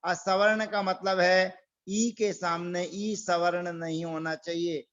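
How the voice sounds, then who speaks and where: A man teaching a Sanskrit grammar class online, reciting rules slowly and repeating them for the students. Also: high voice, little pitch movement, fairly bright tone, dull audio. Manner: slow, repeats rules and drills pronunciation.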